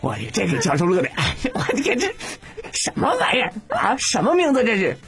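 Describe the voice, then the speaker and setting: A man's voice: high voice, huge pitch swings, brisk. A man, hosting a comedy podcast and telling jokes in a playful, slangy way. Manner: playful, laughs often, slangy. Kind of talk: casual joke telling.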